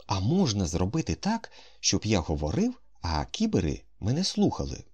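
A man's voice: lowish voice, huge pitch swings, moderate pace, darkish tone, husky, pitched above the performer's own voice, heavily acted. A man voicing a strange, eager boy who asks endless questions in childlike wonder. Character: strange eager boy raised alone, mimic.

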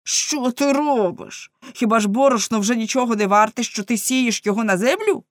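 Shouting grumpy baker man, slow heavy yelling, dry close sound, woman putting him on. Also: fairly high pitch, expressive, no room sound, lightly acted. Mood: angry.

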